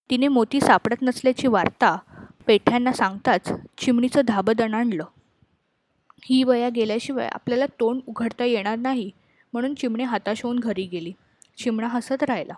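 A woman narrating a storybook tale aloud, giving lively voices to the sparrow and the lady of the house. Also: on the high side. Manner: lively, acts out the sparrow's and wife's lines. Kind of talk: storybook reading with voiced characters.

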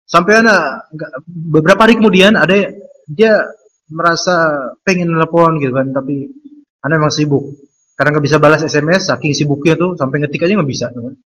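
A slightly high, husky male voice with an Indonesian accent. He is a preacher recounting a personal story to his audience in an easygoing, chatty manner. Arabic religious phrases are woven into his casual talk. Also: a little fast, long pauses, fairly bright tone, low-quality recording. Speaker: Islamic preacher.

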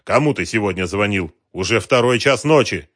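A stern, commanding detective in a storybook , as a male narrator puts him on. He speaks curtly and firmly, with a lively pitch, in a dry, close recording. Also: moderate pace, no room sound. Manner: stern and curt. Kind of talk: audiobook character voice.

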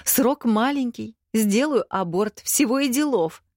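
A woman's voice: fairly high pitch, lively intonation, unhurried, darkish tone, no room sound, voice pushed up. A spoiled, careless young daughter , as a woman reads her in an audiobook. She drawls in a whiny, raised voice. The recording is close and dry. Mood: petulant.

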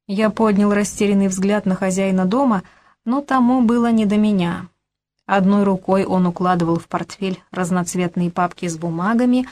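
A woman narrating an audiobook in an even, measured storytelling manner. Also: medium pitch. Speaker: audiobook reader.

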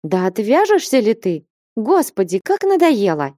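A woman's voice: fairly high pitch, big pitch swings, unhurried, dark tone, no echo, clean studio sound, pitched above the performer's own voice. A woman reading an audiobook voices a gloomy, peevish young choir leader with a whiny, irritated tone.

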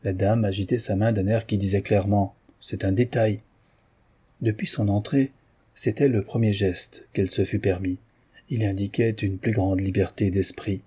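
Low, husky male audiobook narrator. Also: fairly even intonation, moderate pace, mellow. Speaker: audiobook reader. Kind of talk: scripted narration of a novel.

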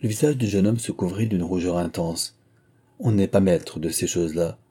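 A man narrating a classic novel aloud in calm, even storytelling. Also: deep voice, normal speed, husky. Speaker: audiobook reader.

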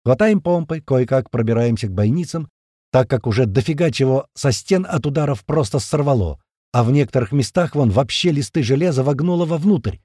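A man narrating a first-person audiobook in a colloquial, rough-spoken, vivid way. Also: mid-range voice, lively intonation, brisk, mellow, dry recording, studio quality.

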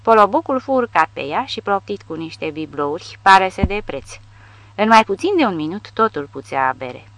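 A woman reading an audiobook with lively storytelling. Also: mid-range voice. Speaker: audiobook narrator. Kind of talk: audiobook narration.

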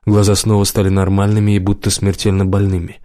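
A man narrating an audiobook in a measured storytelling manner on a close studio mic. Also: low-pitched, monotone, mellow, dry recording. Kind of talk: scripted narration.

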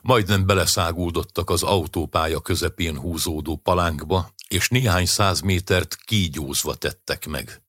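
Deep-voiced man reading a story. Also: hardly any pauses, a bit bright, no room sound. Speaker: audiobook narrator. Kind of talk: scripted narration.

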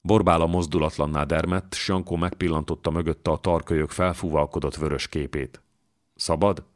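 Deep-voiced male audiobook narrator. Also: fairly even intonation. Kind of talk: scripted narration of a historical novel.

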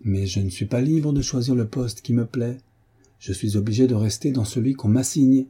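A man's voice: mid-range voice, moderate pace, dark tone, slightly rough. A man reading the part of a young woman schoolteacher, earnest and imploring. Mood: pleading. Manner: imploring, heartfelt.

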